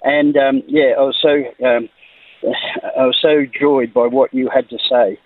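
A man phoning a radio show, speaking earnestly in a halting, emotional way. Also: medium pitch, steady tone, no room sound. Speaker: radio phone-in caller. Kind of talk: earnest call-in testimony. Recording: band-limited phone line on radio.

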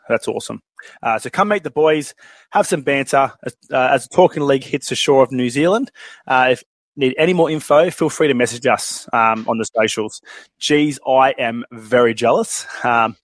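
A man's voice: mid-range voice, no echo. A man hosting a casual sports podcast, laid-back, with lots of fillers and laughter. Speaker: podcast host.

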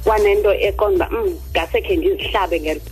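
A woman's voice: medium pitch, fast, darkish tone, soft background music. A South African woman telling a personal story in plain conversation on a radio programme. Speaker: caller sharing personal story.

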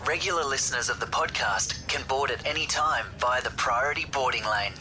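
A man reading a scripted airline-style boarding announcement in a formal, measured announcer's manner. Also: medium pitch, bright, forceful tone, poor audio. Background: music.

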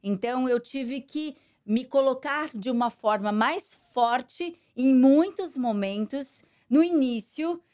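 A middle-aged woman speaking with a Brazilian Portuguese accent, her voice sitting a little high. She answers interview questions earnestly and at a measured pace, with plenty of fillers. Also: a little mellow. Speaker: interview guest, politician. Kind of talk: conversational interview.

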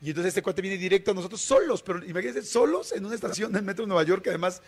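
A man with a Mexican Spanish accent, a radio guest telling a story in a colloquial, animated way with many fillers. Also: high voice, very fast, husky.

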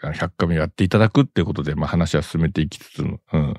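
A man's voice: rumbling low, rapid-fire, a little mellow, no echo. A man hosting a casual radio talk show in a studio, rambling along with chuckles and many filler sounds.

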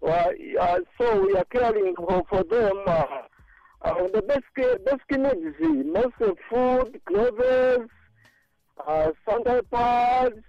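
Sex: man. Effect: clipped, poor phone line. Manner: hesitant, full of restarts. Pitch: very high, lively. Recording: muffled phone line, faint music. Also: creaky. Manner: hesitant, many pauses and restarts. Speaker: charity founder calling in. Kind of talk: radio phone-in interview.

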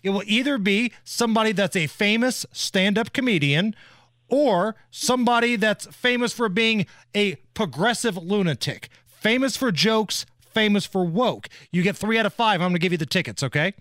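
A man's voice: sits high, expressive, moderate pace, fairly bright tone, dry recording, clean studio sound. A man hosting a radio show, delivering a punchy contest promo in announcer fashion. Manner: punchy, announcing a ticket giveaway and phone number.

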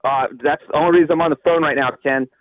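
A man from Cincinnati calling in over the phone as a guest analyst on a sports radio show, talking fast and sure of himself with plenty of fillers. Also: a little high, steady tone, dry recording. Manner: quick, confident, thinks aloud with fillers. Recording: tinny phone line.

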